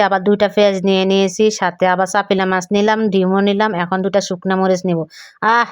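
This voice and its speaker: A young woman from Bangladesh chatting homely through a cooking voice-over, her voice a little hoarse. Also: medium pitch, no room sound. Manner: chatty, homely, describing each step. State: voice keeps going hoarse. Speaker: cooking vlogger. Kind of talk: recorded voice-over for a cooking vlog.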